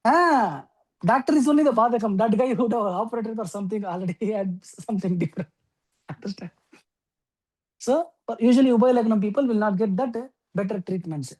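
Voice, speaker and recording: A woman teaching an astrology class, explaining step by step with frequent okays and pauses. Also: a little high, darkish tone, husky, rough recording. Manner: explains slowly with many okays and fillers. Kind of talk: lecture.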